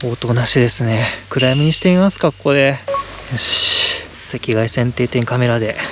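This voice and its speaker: A man vlogging a night ghost hunt on a mountain, muttering in a hushed, nervous way into a handheld camera, outdoors in the rain. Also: mid-range voice, normal speed. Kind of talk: ghost-hunting vlog commentary. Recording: noisy outdoor night recording.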